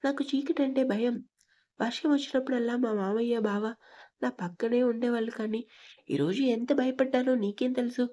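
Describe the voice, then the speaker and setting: A woman's voice: fairly high pitch, fairly quick, dark tone, lo-fi sound, close to an everyday voice. A woman voicing a quarrelsome young woman. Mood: fearful. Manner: quarrelsome, accusing. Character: hot-tempered young woman, scared and sulking.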